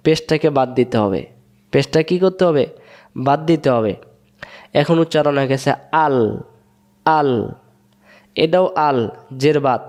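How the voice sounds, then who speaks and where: A man's voice: a little high, darkish tone. Bangladeshi man drilling recitation rules. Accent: Bangladeshi Bengali. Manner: repetitive, drilling rules and asking then answering his own questions. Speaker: Quran teacher. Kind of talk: step-by-step recitation lesson. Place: room, writing on a board in front of a camera.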